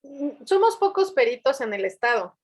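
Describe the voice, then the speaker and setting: A woman's voice: sits high, sing-song, normal speed, husky. A woman forensic psychologist speaking on a video call, telling stories animatedly and acting out the people she quotes. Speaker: forensic psychologist in family court. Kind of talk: panel discussion over video call.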